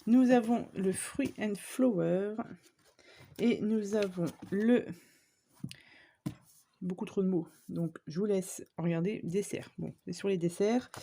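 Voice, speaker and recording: A woman's voice: mid-range voice, slow, creaky, pauses often, mellow, slight background noise. A woman chatting casually to viewers as she shows off craft supplies she bought, with lots of fillers and small asides. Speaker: scrapbooking vlogger. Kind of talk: casual shopping haul show-and-tell.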